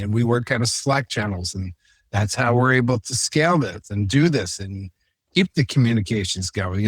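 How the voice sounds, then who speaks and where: A man's voice: mid-range voice, no echo. Chatty joking man, dry sound. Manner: chatty and joking, rambling with fillers and asides. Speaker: real estate agent and show host. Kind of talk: casual on-camera chat.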